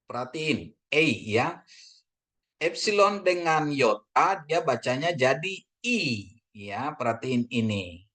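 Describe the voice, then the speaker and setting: A man from Indonesia teaching a casual Greek language lesson, slowly drawing out words for learners and addressing them politely, with many fillers. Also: a little high, big pitch swings. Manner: drawn-out repetition of words, frequent fillers; addresses listeners as ladies and gentlemen.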